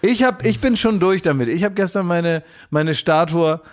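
A man's voice: sits high, moderate pace. Joking German man in casual chat. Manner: joking, teasing, laughs often. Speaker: podcast co-host.

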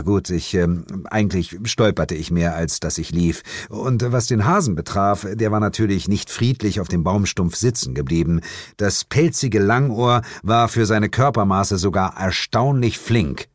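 A man's voice: lowish voice, no echo, clean studio sound. A man reading a first-person detective story aloud as narrator, with a wry, dryly humorous delivery.

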